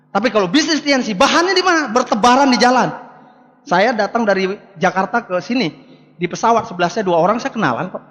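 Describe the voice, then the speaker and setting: This forty-something motivational business speaker has a very high-pitched, slightly bright voice. Before a live audience in a large hall, he gives an emphatic seminar speech full of repeated rallying words aimed directly at the crowd. The sound is echoey and dull, lo-fi.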